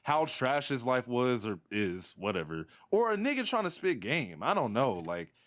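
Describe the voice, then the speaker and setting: A man's voice: medium pitch, normal speed. A young man delivering a sarcastic, slang-heavy rant about music in a commentary video. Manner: animated, sarcastic ranting with blunt slang.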